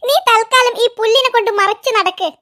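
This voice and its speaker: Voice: very high voice, fairly quick, bright, forceful tone. Salman, a giggling teasing cartoon boy. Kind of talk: cartoon voice acting.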